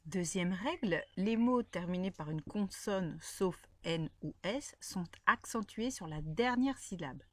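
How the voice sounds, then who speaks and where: A woman teacher calmly explaining pronunciation rules step by step to learners. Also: fairly low pitch, measured pace, hardly any pauses, dry recording. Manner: clear, methodical explaining, addresses learners directly. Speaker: Spanish teacher. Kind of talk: explaining a language lesson to camera.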